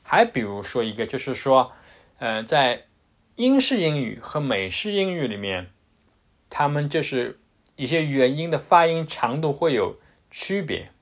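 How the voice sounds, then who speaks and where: A man's voice: mid-range voice, sing-song, unhurried. A man teaching English pronunciation in a casual, patient way, with frequent fillers and restarts. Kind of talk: casual explanatory lesson.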